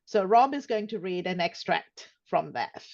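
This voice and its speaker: An older woman co-presenting a webinar over a video call, speaking carefully and warmly with frequent ums. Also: on the low side, animated, a little slow, vocal fry, muffled recording. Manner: warm, careful, frequent um fillers.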